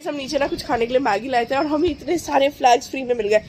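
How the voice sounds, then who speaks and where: A young woman talks straight to her vlog camera in a high, bright register. She teases the people around her and laughs often, sliding between Hindi and English, with faint background noise in the recording. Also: fast. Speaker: vlogger. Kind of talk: casual vlog chat.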